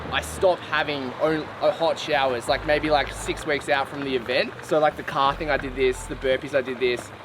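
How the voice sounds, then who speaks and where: A man with a slightly high voice speaks to camera as he sits in painfully cold icy water. His delivery is blunt, sweary and self-mocking, like an unscripted challenge vlog. Clear outdoor noise sits behind him. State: sitting in ice cold water, in pain and discomfort. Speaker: vlogger doing endurance challenges and coaching. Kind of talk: candid talk to camera during a challenge. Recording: clearly noisy outdoor background.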